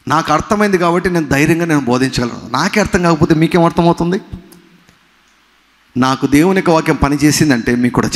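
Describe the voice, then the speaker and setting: Animated preaching man in an echoey hall. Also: fairly high pitch. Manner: emphatic preaching, swinging from soft to loud; mixes in English phrases. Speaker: pastor. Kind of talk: sermon. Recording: long hall reverb.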